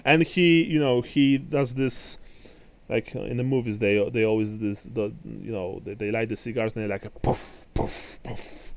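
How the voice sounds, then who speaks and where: A man's voice: mid-range voice, normal speed, a little mellow. A man narrating as game master of a tabletop game, rambling with many fillers and restarts.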